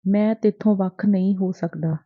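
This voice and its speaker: A woman's voice: mid-range voice, fairly even intonation, normal speed, natural voice. A woman voicing an earnest, lovesick young man in an audiobook, close to her own voice. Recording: dry, tinny phone-like sound.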